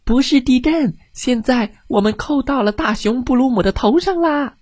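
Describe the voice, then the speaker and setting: A man voicing a small, clever goldfish in a storybook, high-pitched, chirpy and urgent. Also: moderate pace, a little mellow, husky, dry recording, clean studio sound. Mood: eager. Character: little clever goldfish, eager and helpful.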